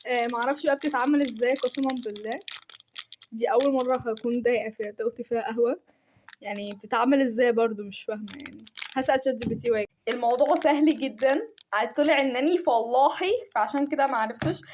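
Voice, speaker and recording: A young woman with an Egyptian Arabic accent, chatting casually to her viewers while making coffee, self-mocking and excitable. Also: a little high, fast talker, a little hiss or hum. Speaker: vlogger. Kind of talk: casual chat to camera.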